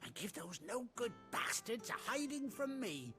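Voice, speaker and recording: Gadatliwy angielski wieśniak z gry,, bardzo żywa melodia, głośna muzyka w tle. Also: male voice, very high voice, a little slow, heavily acted. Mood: excited. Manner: folksy, colloquial, animated. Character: rustic village man, chatty and excitable. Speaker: game character. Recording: game audio with loud music. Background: game music.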